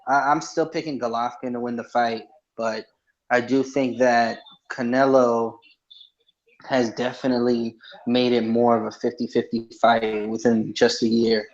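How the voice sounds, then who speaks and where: A man co-hosting a live boxing talk show over a video call, relaxed and agreeable, giving his take on fighters. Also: mid-range voice. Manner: relaxed, agreeable, quick affirmations. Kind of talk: casual live-stream discussion. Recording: muffled lo-fi call audio.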